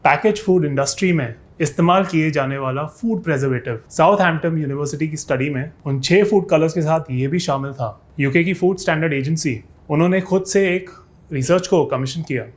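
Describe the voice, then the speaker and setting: In a scripted explainer, this fitness YouTuber talks to his audience briskly and in a slightly high voice. Rhetorical questions and sarcastic asides come up often.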